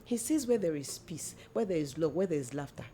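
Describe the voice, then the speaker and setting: A woman's voice: low voice, animated, fairly quick, warm tone. Earnest woman giving marriage advice. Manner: earnest, exhorting, mixes in local slang. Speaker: co-host, church mother. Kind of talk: faith-based advice talk.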